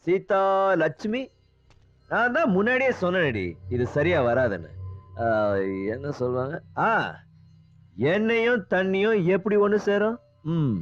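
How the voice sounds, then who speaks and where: Drunk, mocking young son. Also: male voice, high voice, very animated, measured pace, pauses often, faint music behind. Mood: bitter. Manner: slurring, mocking then pleading. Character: drunk adopted young man defying his father. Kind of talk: film drama acting. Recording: dull film soundtrack.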